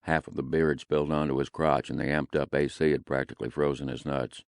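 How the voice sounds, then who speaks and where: A man narrating an audiobook in a gritty, deadpan way, recorded close in a studio. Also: very deep voice, quick pace, gravelly, dry recording.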